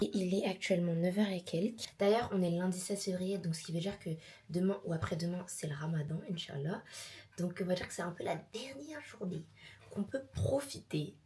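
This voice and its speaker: A woman's voice: lowish voice, creaky, warm tone, slight background noise. A woman in her twenties chatting casually in a home vlog, rambling and mixing in English words. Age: 20s. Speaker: vlogger.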